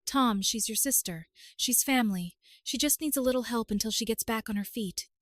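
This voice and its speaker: A woman's voice: fairly high pitch, moderate pace, no echo, lightly acted. A woman voicing a pushy middle-aged mother who sweet-talks and pleads with her son, in a dry recording. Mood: pleading.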